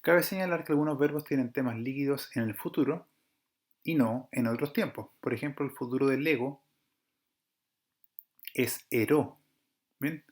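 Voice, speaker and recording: A man's voice: mid-range voice, moderate pace, long pauses. A man teaching an online class over slides, explaining patiently, checking in with his students and correcting himself as he goes. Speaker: Greek teacher.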